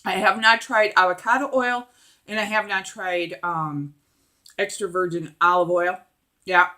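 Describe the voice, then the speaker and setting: A woman's voice: medium pitch, fairly even intonation, unhurried, bright, forceful tone. A middle-aged woman chatting casually and emphatically while eating, as a mukbang vlogger.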